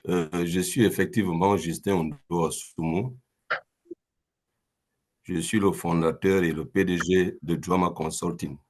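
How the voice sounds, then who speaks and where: A man's voice: low voice, fairly even intonation, unhurried. A man from Gabon speaking off the cuff as a guest on a video call, hesitant and repeating words. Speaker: company founder, Zoom guest. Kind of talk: unprepared remarks on a video call.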